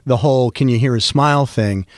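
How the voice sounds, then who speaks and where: A middle-aged man who voices for a living, talking as a podcast guest in an animated, storytelling way with frequent restarts. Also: medium pitch, a little fast, no room sound, studio quality. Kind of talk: casual conversation.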